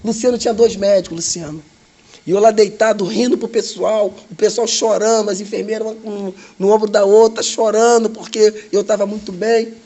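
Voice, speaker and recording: An evangelist with a notably high voice tells his testimony with drama. He acts out everyone in the story as he goes. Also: fairly even intonation, brisk, warm tone. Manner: dramatic, acts out other people's lines. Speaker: evangelist, podcast guest.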